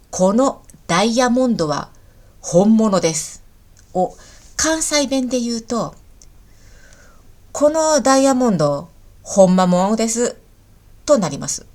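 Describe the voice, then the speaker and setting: A woman hosting a podcast lesson and explaining things patiently and warmly to learners. She is from the Kansai region. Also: a little high. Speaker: Japanese teacher and podcast host. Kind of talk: podcast lesson monologue in easy Japanese.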